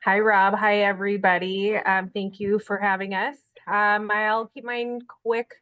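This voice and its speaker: A woman's voice: medium pitch, level tone, a little slow, fairly bright tone, dry recording, lo-fi sound. A woman giving an informal spoken report as a union representative.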